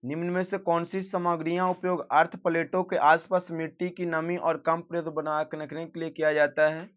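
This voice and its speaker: A man's voice: a little high, level tone, moderate pace. A male teacher working through an exam practice set, reading each question aloud and then giving the answer, sometimes correcting himself. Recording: dull lo-fi recording.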